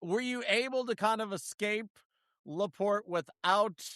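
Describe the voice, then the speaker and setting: Bright high-voiced male podcast host. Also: unhurried, no room sound, clean studio sound. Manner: meandering, loosely phrased questions. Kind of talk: casual interview questions.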